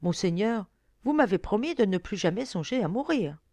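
A woman's voice: medium pitch, big pitch swings, normal speed, warm tone, dry recording, pitched above the performer's own voice. A woman reading aloud, voicing a brave young fisher girl who pleads earnestly. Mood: pleading earnest.

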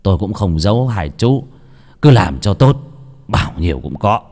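A gruff middle-aged man who has just come into money, speaking low, slow and hesitantly, as a male storyteller puts him on. The voice drops below the narration and turns quiet. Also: big pitch swings.

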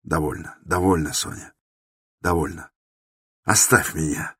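Very deep voice, brooding tormented young man, intense, confessional, voiced by a man, slow and husky. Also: fairly even intonation, a bit bright, no echo, studio quality, full character voice. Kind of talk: dramatic reading of a novel.

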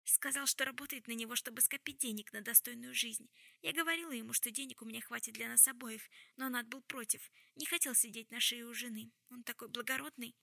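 A woman reading an audiobook, voicing a hysterical young woman who sobs and pleads in a shrill voice. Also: lively intonation, fairly quick, creaky, sharp tone, no room sound, clean studio sound, full character voice. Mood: confessing. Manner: sobbing, shrill, near screaming.

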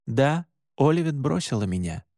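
A man reading a first-person story aloud as an audiobook narrator, in an even, measured way. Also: medium pitch, no room sound, clean studio sound.

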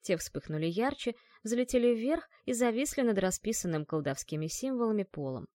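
A woman narrating a fantasy audiobook in a measured, expressive reading. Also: a little high, no room sound, clean studio sound. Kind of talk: scripted narration.

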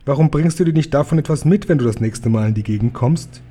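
A man's voice: mid-range voice, fast, warm tone, natural voice. A man reading a children's book aloud and voicing a small, curious, polite girl who keeps asking earnest questions.

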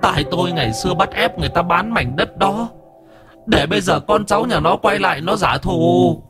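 A wailing old ghost, high and pained. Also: male voice, normal speed, fairly bright tone, faint music behind. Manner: moaning, pleading.

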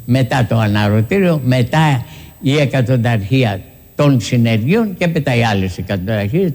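A man's voice: mid-range voice, a little mellow. Man giving archival testimony, reverberant. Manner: plain storytelling with hesitations. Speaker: witness recounting events.

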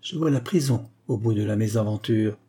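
A man voicing a lawyer who exclaims forcefully in a spoken story. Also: lowish voice, moderate pace, slightly rough. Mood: triumphant.

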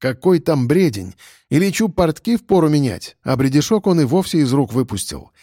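A man's voice: a little high, very animated, moderate pace, dark tone, no room sound, studio quality. A man giving wry, slangy first-person audiobook narration.

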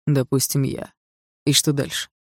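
A man's voice: mid-range voice, level tone, measured pace, gravelly, no echo, clean studio sound. A man reading the dialogue of a cold, cocky teenage boy in an audiobook, defiant toward his attackers.

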